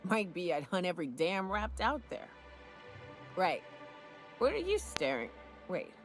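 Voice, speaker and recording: Boozy barfly huntress, swooping pitch. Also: female voice, sing-song, measured pace, soft background music. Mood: tipsy, agitated. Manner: tipsy, rambling barfly drawl. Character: boozy, rough-edged female monster hunter drinking at a bar. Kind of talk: video game character dialogue.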